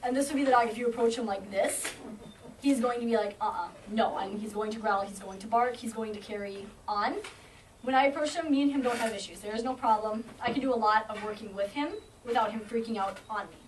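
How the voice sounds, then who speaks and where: A woman who trains shelter dogs, teaching a group of volunteers with confidence and acting out what the dog thinks. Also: a little high. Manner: confident, explains with quick acted-out dog thoughts. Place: indoor room at an animal shelter. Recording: distant camera mic, faint noise.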